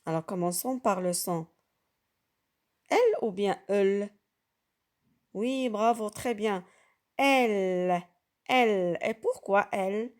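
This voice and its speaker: A woman's voice: medium pitch, a little mellow. A woman teaching French pronunciation to beginners. She speaks patiently, repeats each sound, and keeps checking that her listeners follow. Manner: patient, repeats sounds and asks "d'accord?" often. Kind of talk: slow, carefully articulated lesson for beginners.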